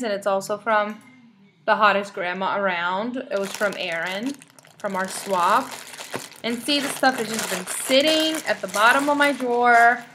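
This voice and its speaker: A young woman with a bright, higher-pitched voice chats away to her viewers in a bubbly, rambling vlog. She keeps reading out product names with chatty asides, over a faint hiss in the background. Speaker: vlogger showing wax melts. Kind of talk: casual chatty haul vlog.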